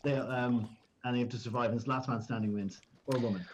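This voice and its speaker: A man co-hosting a game stream at an everyday pitch, easygoing as he calls out moves and enemy positions. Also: steady tone, fast talker, slight background noise, low-quality recording. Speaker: co-host. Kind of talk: casual game stream chat.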